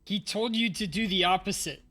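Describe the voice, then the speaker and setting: A man's voice: sits high, moderate pace, sharp tone. A male streamer reading a game's narration aloud and musing casually about it. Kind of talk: reading game text aloud and commenting. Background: game music.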